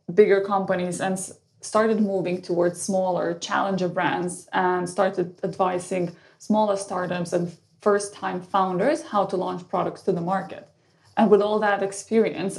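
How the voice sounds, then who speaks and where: A woman's voice: on the low side, gravelly, a little mellow. A woman in her thirties from Lithuania, a startup co-founder introducing herself on a podcast in a conversational way. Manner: conversational, restarts mid-sentence.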